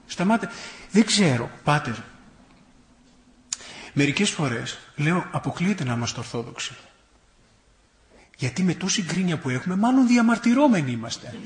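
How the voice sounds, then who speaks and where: Male priest, sermon, fairly high pitch, emphatic list-builder, folksy storyteller. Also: sing-song, echoey room. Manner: emphatic, builds long rhetorical lists with rising intensity; folksy, tells personal anecdotes with self-irony.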